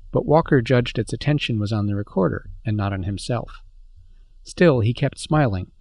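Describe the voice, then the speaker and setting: A man reading a science fiction story aloud as narrator, in a steady, measured way. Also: on the low side, vocal fry, dry recording.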